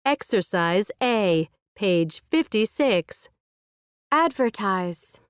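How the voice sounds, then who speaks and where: A woman announcing exercises and page numbers for a textbook audio track in a crisp, formal way. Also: mid-range voice, lively intonation, very slow, no room sound, clean studio sound.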